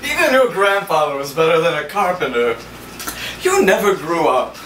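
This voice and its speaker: A student actor in an amateur scene playing a proud, quick-tempered aging salesman father who lectures and scolds, recorded on a distant camera mic. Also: medium pitch, sing-song, fairly bright tone. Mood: scolding. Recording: roomy, distant camera mic, faint room hiss.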